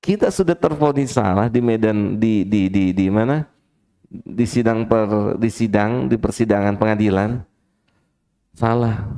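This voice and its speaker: A preacher in a mosque hall gives a chatty study-circle sermon, conversationally and repeatedly asking the men in the room questions. His voice is on the low side and dark, unhurried, with long pauses.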